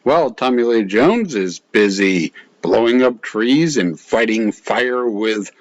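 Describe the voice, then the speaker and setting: A man's voice: medium pitch, expressive, slow, dull audio, slight background noise. A man narrating a casual comedic movie review in a sarcastic, profane way. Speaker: film reviewer.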